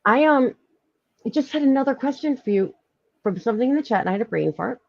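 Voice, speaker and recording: A woman with a Philadelphia accent, hosting a casual live-stream chat, talkative and quick to laugh. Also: high-pitched, vocal fry, no echo, highs cut off. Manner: chatty, lively, laughs often, many fillers. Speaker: podcast host.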